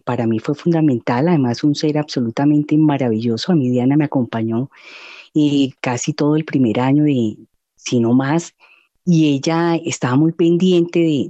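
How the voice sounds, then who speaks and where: Earnest middle-aged woman, mellow dull sound. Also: low-pitched, no echo. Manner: earnest, reflective, with many fillers. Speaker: guest. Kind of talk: personal testimony interview.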